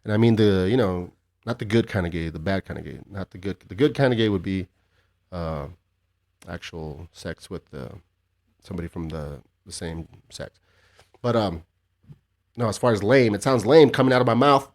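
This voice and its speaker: Male podcast host, lowish voice, profane and sarcastic, loose rambling monologue. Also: expressive, normal speed, a little mellow. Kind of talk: casual solo podcast monologue.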